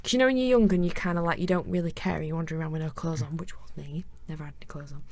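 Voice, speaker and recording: Yorkshire woman on a podcast, lowish voice with lots of fry, tells stories animatedly. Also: racing. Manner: animated storytelling, acts out quotes in a higher voice. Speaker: podcast co-host. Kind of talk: casual chat.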